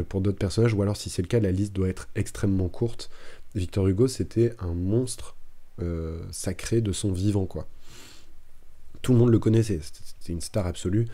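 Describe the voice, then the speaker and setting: Deep, dark-voiced man explaining a poem. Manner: thinks aloud with many fillers and restarts. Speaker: French literature teacher streaming revision. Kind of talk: live-streamed lesson, casual explanation. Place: home streaming setup. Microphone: streaming microphone.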